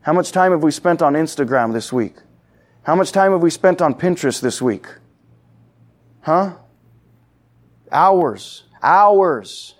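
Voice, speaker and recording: Male pastor, casual sermon delivery, fairly high voice, acts out voices and asks the room questions. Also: lively intonation, moderate pace, pauses often. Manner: conversational preaching, acts out quoted voices, asks the congregation questions. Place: church sanctuary.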